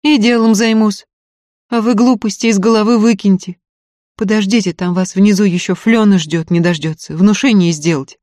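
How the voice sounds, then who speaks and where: A proud young woman of peasant stock, tearful but stubborn, with simple country turns of phrase, as a reader puts her on. Her lines sit higher and livelier than the narration, read into a dry, close microphone. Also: fairly even intonation, moderate pace, a little mellow, dry recording, natural voice. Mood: teasing, weary. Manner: folksy, plain-spoken, pleading then scolding. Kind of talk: audiobook character voice.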